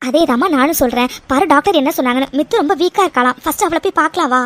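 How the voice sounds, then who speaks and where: A woman voicing a gentle young woman in a cartoon, coaxing and consoling her mother. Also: sits high, very fast. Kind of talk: cartoon voice acting.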